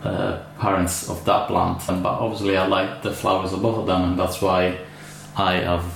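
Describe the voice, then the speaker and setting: A man's voice: deep voice, level tone, normal speed, vocal fry, a bit bright. A man with an Italian accent, an orchid grower chatting casually through an unboxing, hesitant with many fillers and restarts. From Italy. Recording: echoey room with faint ambient noise.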